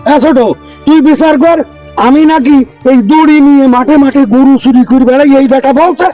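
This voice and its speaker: Male actor as a grumpy, mishearing village cowherd, shrill and touchy. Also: steady tone, a little fast, dark tone, soft background music. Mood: indignant. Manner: indignant, mishears everything.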